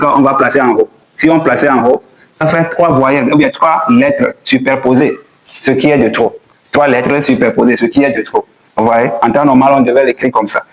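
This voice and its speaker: A man teaching a spoken language lesson, patiently repeating each point and sounding out letters slowly. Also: medium pitch, poor audio.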